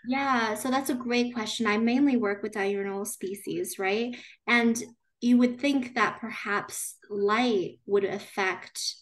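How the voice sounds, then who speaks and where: A woman's voice: on the high side, slow pace. A young woman from China answering questions after her talk, speaking casually with many restarts and frequent tag questions. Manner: talks in restarts with frequent "you know" and "right?". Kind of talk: casual conversation.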